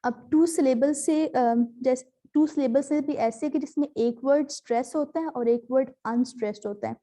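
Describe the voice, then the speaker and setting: A woman with a fairly high, mellow voice teaches a class over a video call. She explains patiently and slips terms into her lesson. Her delivery is relaxed and full of small fillers. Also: normal speed. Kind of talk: online class lecture.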